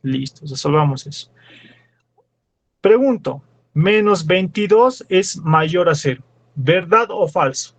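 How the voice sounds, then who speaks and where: A man's voice: a little high, expressive, takes it slowly, long pauses, no echo. A young man with a Bolivian Spanish accent, a teaching assistant working through problems step by step in class and quizzing his students. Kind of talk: classroom lecture.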